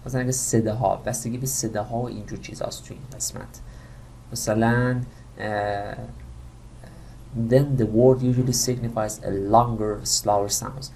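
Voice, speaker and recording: Low gravelly male English teacher. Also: level tone, slight background noise. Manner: reads English words slowly and loudly, then explains in Persian. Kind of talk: Persian-language English lesson, reading word lists aloud.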